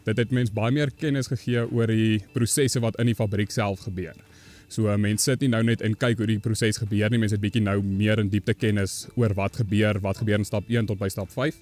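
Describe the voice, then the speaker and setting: Low-voiced man, calm and matter-of-fact. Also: brisk. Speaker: feed mill worker. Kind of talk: interview testimonial.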